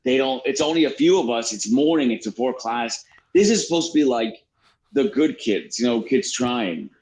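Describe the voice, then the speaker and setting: A man swapping childhood stories on a podcast, speaking casually and swearing often. His voice sits at an ordinary pitch for a man. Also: moderate pace, slight background noise, poor audio. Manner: profane, animated storytelling. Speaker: podcast guest. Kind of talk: casual storytelling.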